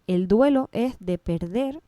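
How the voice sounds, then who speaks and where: A woman's voice: on the high side, lively intonation, takes it slowly, mellow, no echo. A woman with a Canary Islands Spanish accent, a guest in an interview, speaking emotionally and often restarting and repeating her words. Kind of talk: casual interview conversation.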